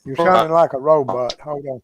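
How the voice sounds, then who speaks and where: A man's voice: fairly high pitch, fairly quick, muffled recording, slight background noise. A man, chatting casually on a live stream in a folksy, drawling way. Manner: muttering to himself while clicking through settings.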